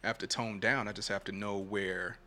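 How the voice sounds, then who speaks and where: A man talking reflectively and casually in a soft-spoken way. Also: fairly low pitch, steady tone, brisk.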